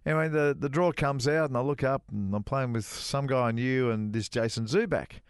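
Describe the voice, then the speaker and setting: A middle-aged man, a former touring golf pro, co-hosting a podcast and telling an animated anecdote in casual chat. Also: brisk, clear, resonant tone, no echo, studio quality. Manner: animated anecdote teller, rises high acting out quoted dialogue.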